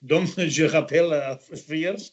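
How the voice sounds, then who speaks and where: Animated storytelling male actor. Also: fairly high pitch, slow pace, highs cut off. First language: Catalan. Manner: animated storyteller, many restarts, mixes in English phrases. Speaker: interview guest, actor. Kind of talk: casual anecdote-telling interview.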